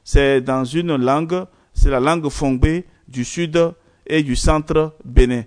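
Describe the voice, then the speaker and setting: A man's voice: fairly high pitch, slow pace, smooth. A man leading a prayer gathering as a priest, speaking informally and unhurriedly, giving instructions and blessings with frequent fillers.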